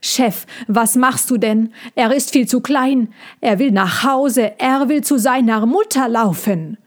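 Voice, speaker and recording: A woman's voice: fairly high pitch, takes it slowly, voice pushed up. A woman reading a storybook, voicing a kind young male circus worker who speaks urgently and pleads. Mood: pleading.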